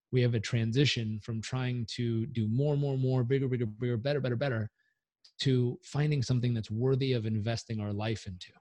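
A man speaks as a guest coach on a podcast, energetic and motivational. His voice sits in a middle register. The sound is dry and close, with no room around it. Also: medium pitch, no echo. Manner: energetic, motivational, leads breathing exercise aloud. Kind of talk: podcast interview.

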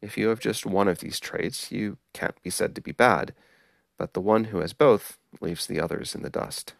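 A man hosting a podcast episode, reading a prepared script on samurai ideals in a measured, explanatory way. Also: fairly low pitch, vocal fry, no room sound, studio quality. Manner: measured, explanatory, apologetic about pronunciation. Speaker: podcast host. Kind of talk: scripted narration.

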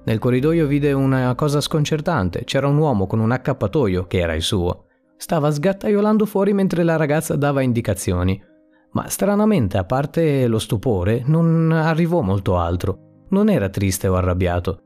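A man narrating a dramatic story podcast in a steady, plain reading voice. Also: medium pitch, normal speed. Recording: faint background music. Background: soft music.

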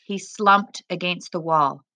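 A woman teacher reading a novel chapter aloud to her class in a steady, expressive voice. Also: lowish voice, takes it slowly, no echo.

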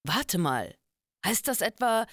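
A woman voicing a blunt, gruff, hard-drinking male fighter. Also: medium pitch, big pitch swings, takes it slowly, no room sound, studio quality.

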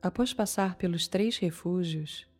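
A Brazilian woman leading a guided meditation in a calm, soothing manner, leaving long pauses between short phrases. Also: lowish voice. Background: soft music.

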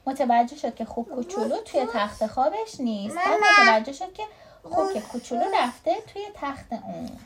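A woman from Iran in her thirties reading a children's storybook aloud to her child, with expressive asides, music playing behind. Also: high-pitched, heavy background noise. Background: clear music.

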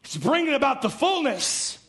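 Fervent gravelly-voiced preacher man. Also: big pitch swings, moderate pace. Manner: fervent preaching, rising to shouts and dropping low. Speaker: pastor. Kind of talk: sermon.

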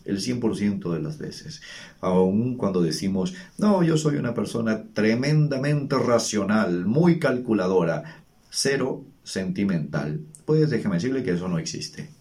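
An earnest man with a low, mellow voice delivers a reflective monologue as a father offering emotional advice. His manner is teacherly, and he leans on rhetorical questions.

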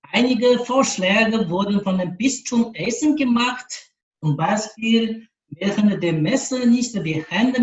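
A man with a Chinese accent reads a letter aloud, carefully and haltingly. He speaks very slowly, pausing between phrases, his voice set back from the microphone. The room around him rings with a noticeable echo. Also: sits high, lo-fi sound. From China. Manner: slow, careful, halting reading with pauses. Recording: roomy echo, distant mic.

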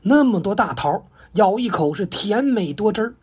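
A man voicing a hot-tempered male monkey king who talks fast and scolds. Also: high voice, very animated, slightly rough, voice pushed up, exaggerated voice. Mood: indignant. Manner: quick, scolding, indignant. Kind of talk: comic storytelling.

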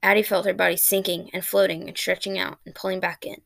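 A woman reading her own short story aloud at a steady pace on her podcast. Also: lowish voice, fast, vocal fry. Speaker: podcast host and author. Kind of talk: storytelling narration.

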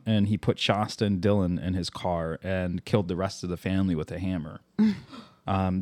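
Low-voiced man rambling through a story. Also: a little mellow, no room sound. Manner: rambling with many fillers and laughs. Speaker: podcast co-host. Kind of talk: casual chat, reading true crime stories.

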